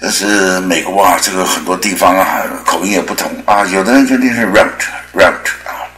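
A man teaching English pronunciation in a chatty, rambling way, with many drawn-out filler particles. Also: low voice, fairly bright tone, roomy sound, low-quality recording. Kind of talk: spoken language lesson.

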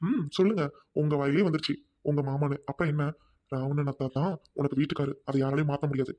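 A man's voice: on the high side, fairly even intonation, fast, warm tone, natural voice. Man playing a devoted hot-tempered younger brother. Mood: pleading. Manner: urgent, pleading.

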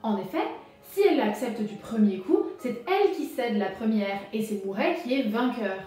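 A woman teacher explaining a novel in a clear, explanatory literature lesson. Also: fairly high pitch, expressive, moderate pace, warm tone, recorded from a distance. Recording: roomy echo.

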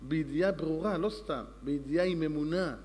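A rabbi delivering a lively storytelling sermon, speaking straight to his audience. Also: a little high, long reverb tail, slight background noise. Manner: storytelling, addressing audience directly. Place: synagogue or lecture hall.

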